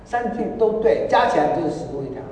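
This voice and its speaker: Animated male pastor in an echoey hall. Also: sits high, fast talker, far from the mic, a little hiss or hum. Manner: animated, joking, laughs often. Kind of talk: sermon.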